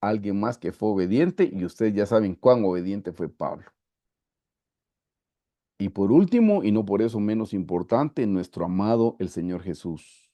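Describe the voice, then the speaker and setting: Male Guatemalan preacher, emphatic sermon delivery, warm low timbre, dry video-call sound. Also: lively intonation, no echo. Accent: Guatemalan Spanish. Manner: emphatic, slows and stretches scripture quotes. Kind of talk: Bible study sermon over video call. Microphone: video call mic.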